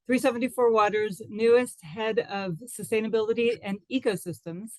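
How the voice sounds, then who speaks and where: A woman's voice: fairly high pitch, fairly even intonation, normal speed, no room sound, rough recording. A woman in her forties from the United States, speaking as an interview guest in a casual, thoughtful way, with frequent fillers and restarts.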